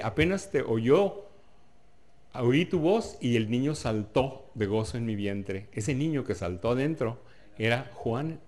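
A man's voice: medium pitch, darkish tone. A man preaching a sermon in a conversational way, often asking the listeners rhetorical questions and joking with them. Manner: jokes with the audience.

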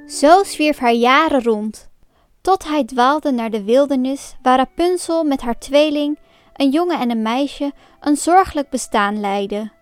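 A woman reading a fairy tale aloud as a storyteller, in a calm, clear storybook manner. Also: high-pitched, measured pace, no echo, soft background music.

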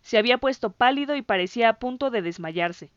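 Smooth-voiced woman reading a story. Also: a little high, lively intonation, fairly quick, dry recording, highs cut off. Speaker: audiobook narrator. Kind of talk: scripted first-person narration.

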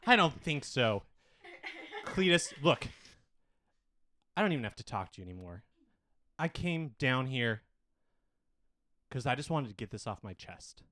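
A man playing a petty, bragging male head of the family in an improvised comedy audio drama, spiteful and prone to loud outbursts. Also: mid-range voice, very animated, measured pace, long pauses, no room sound. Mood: gloating.

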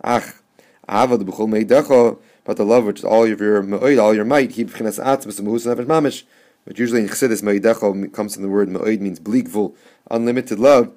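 Rabbi guy giving a podcast lesson, lowish voice, reads a line then unpacks it, repeats himself a lot. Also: steady tone, brisk, mellow. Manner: reads passages aloud then explains them, often repeating and restarting phrases. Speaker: rabbi teaching a text.

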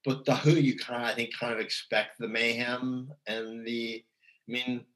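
A man's voice: mid-range voice, level tone, moderate pace, a bit bright, poor audio. A man in casual conversation, talking at length with many fillers and restarts. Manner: rambling, chatty, lots of fillers and restarts. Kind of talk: casual music chat.

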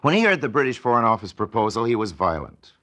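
A man's voice: medium pitch, big pitch swings, quick pace, pushed and bright, voice pushed up. A man playing a bitter, indignant American statesman in a 1940s radio dramatisation, speaking in an impassioned, oratorical way. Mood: indignant outrage.

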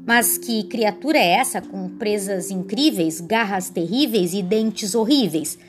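A woman's voice: medium pitch, over music, lightly acted. A woman voicing a small, clever, boastful male mouse in a children's storybook reading. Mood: sly proud. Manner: quick-witted, proud storybook voice.

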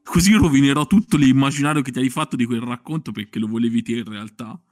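A man's voice: medium pitch, quick pace, dry recording. A man co-hosting a casual live stream, joking with his friends.

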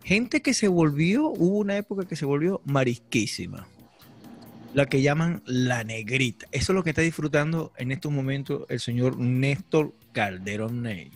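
Lively Venezuelan man joking with friends. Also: medium pitch, normal speed, soft background music. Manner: slangy, joking, loud laughter. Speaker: podcast host. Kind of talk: casual banter among friends.

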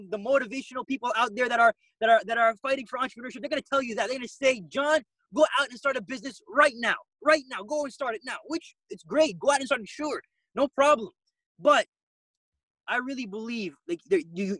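A man's voice: extremely high pitch, a bit bright, dry recording, rough recording. A man who is a guest entrepreneur, giving emphatic interview answers and repeating words as he builds his points.

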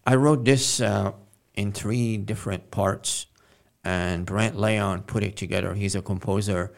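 Gravelly low-voiced man from Jerusalem. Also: fairly even intonation. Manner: halting, earnest, many pauses. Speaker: guest poet. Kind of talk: casual interview talk.

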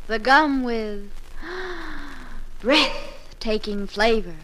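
A woman's voice: fairly high pitch, lively intonation, slow pace, fairly bright tone, rough recording. A woman delivering scripted 1950s radio advertising slogans, punctuated with gasps.

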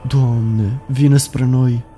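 A man's voice: medium pitch, fairly even intonation, dark tone, soft background music, pitched above the performer's own voice, close to an everyday voice. A man voicing a terrified male prisoner who cries out in panic. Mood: panicked. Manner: panicked, crying out.

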